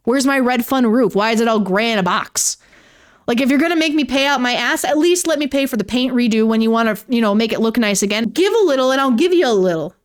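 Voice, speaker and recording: A woman's voice: fairly high pitch, expressive, fast talker. A young woman, giving a casual vlog commentary in a ranting, sarcastic way and swearing freely. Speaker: YouTuber.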